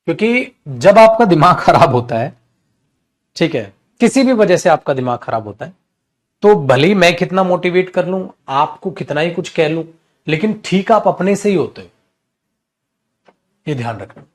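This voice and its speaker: A man teaching an exam-prep English class while running a fever, animated and addressing students as son and brother. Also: on the high side, normal speed. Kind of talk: classroom lecture.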